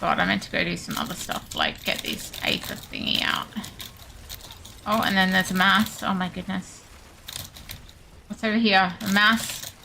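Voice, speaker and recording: An Australian woman chats casually with her livestream viewers while she plays, breaking off into muttered asides to herself. Her voice is bright and sits a little high for a woman. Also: a little hiss or hum. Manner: chatty, muttering asides to herself between remarks to chat. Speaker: game streamer.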